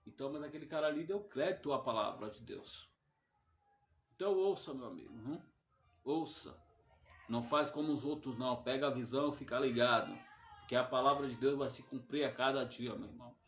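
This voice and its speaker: Fiery Brazilian preacher in an echoey room. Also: male voice, mid-range voice, fast talker, slight background noise. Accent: Brazilian Portuguese. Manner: emphatic, swings loud then drops soft on "my brother" tags. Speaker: evangelist preacher. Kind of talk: fiery sermon. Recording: roomy echoey sound.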